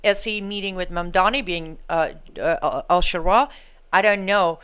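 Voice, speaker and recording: Woman host of a live political commentary stream, smooth and emphatic, argues hard and turns sarcastic. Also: fairly low pitch, measured pace, a bit bright. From Iran. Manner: emphatic, argumentative, with sarcastic asides.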